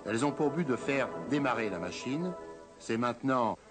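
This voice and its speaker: A man reading scripted narration for a corporate film in a measured, formal way. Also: mid-range voice, lively intonation. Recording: narration over loud music.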